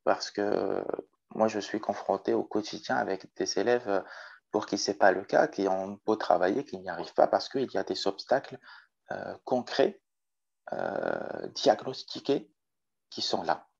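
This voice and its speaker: A man's voice: lowish voice, sing-song, unhurried, gravelly, darkish tone, breathy edge, muffled recording. A man in his twenties from Morocco, a teacher talking as a guest in a casual interview, thoughtful with many hesitations. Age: 20s. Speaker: guest, special education teacher.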